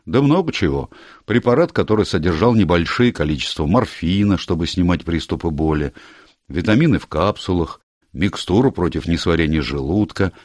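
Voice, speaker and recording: A man voicing a calm, careful middle-aged doctor in an audiobook, speaking in a measured, dry way. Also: low-pitched, no room sound. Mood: explaining calmly. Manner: measured, dry, mildly surprised. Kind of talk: audiobook character reading.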